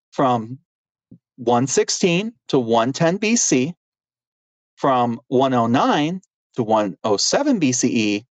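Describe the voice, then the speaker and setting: Lively, joking male podcast co-host. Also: a little high, no room sound. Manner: playful, joking storyteller. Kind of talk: casual history podcast chat.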